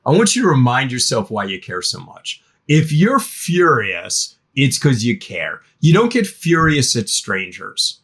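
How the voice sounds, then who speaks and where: A middle-aged man, a guest expert, answering podcast interview questions in an animated way, often acting out parents and teens. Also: mid-range voice, measured pace, few pauses, breathy edge. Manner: animated, acts out parents and teens in quoted voices.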